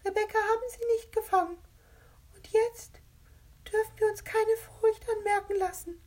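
Woman doing a squeaky, very high little captain. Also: steady tone, moderate pace, a little mellow. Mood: urgent. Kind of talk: storybook reading.

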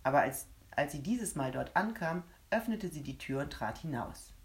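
A woman narrating a children's story in steady storytelling. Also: low-pitched, normal speed. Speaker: audiobook narrator.

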